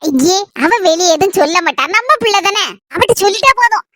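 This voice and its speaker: A woman's voice: extremely high pitch, expressive, fairly quick, pushed and bright, dry recording, heavily acted. A woman acting a chatty village sister-in-law in a comedy skit, with a Kanyakumari Tamil accent and a persuasive way of talking. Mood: scheming. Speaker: skit actress.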